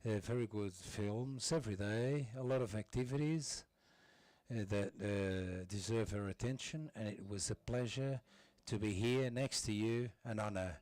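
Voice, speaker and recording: Slow, halting man. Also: on the low side, a little mellow, no echo. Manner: halting, stop-and-start delivery. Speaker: simultaneous interpreter. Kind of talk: live interpreting of ceremony speeches.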